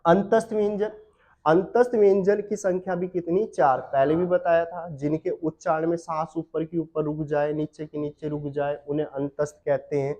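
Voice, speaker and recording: A man teaching a Hindi grammar class for exam prep. He asks questions, answers them himself, and repeats key terms slowly. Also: a little high, flat delivery, darkish tone. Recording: dull lo-fi sound.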